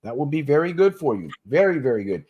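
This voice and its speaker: This podcast host for recovering gamblers talks fast in a fairly high, husky, darkish voice with big swings in pitch, and the sound is lo-fi. On his casual livestream he uses plain, slangy language, laughs readily between points, and coaches the audience head-on.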